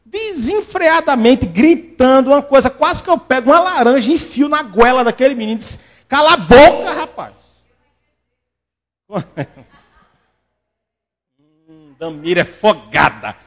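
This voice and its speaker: A male pastor, preaching a sermon and telling stories with lively acted-out voices. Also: extremely high pitch, a little slow, pauses often. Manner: animated storytelling, acts out quoted voices.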